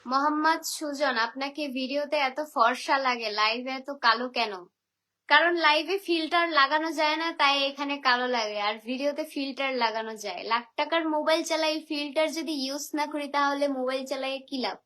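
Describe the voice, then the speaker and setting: A live streamer from Barisal, Bangladesh, speaks at a moderate pace in a high, pushed, bright voice. During the live video call she reads viewer comments and names aloud, bantering back playfully.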